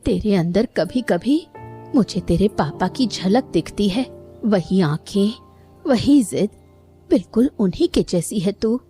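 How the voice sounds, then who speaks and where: A woman voicing a weary middle-aged mother in an animated story, emotional and tearful. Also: medium pitch, takes it slowly, faint music behind. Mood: tender. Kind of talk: Hindi cartoon voice acting.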